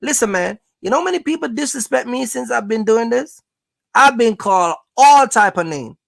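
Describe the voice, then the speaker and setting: Recorded cleanly in a studio with no room sound, this Jamaican host and trucking business coach speaks at a medium pitch and normal speed with vocal fry and animation. The casual motivational advice is delivered emphatically, with repeated points and frequent check-ins with listeners.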